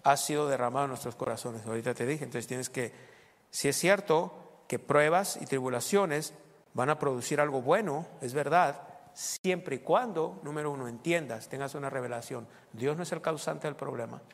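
A man preaching a sermon, reading scripture aloud and explaining it, with playful asides and loud exclamations. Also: medium pitch, moderate pace, big-room sound. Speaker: pastor.

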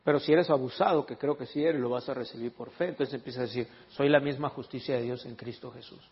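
Speaking quickly in a mid-range, slightly rough voice, a pastor tells animated stories and jokes with his congregation during a church sermon. He reads scripture in English and Spanish, switching into English for it. Expect an echoey hall and dull, lo-fi sound.

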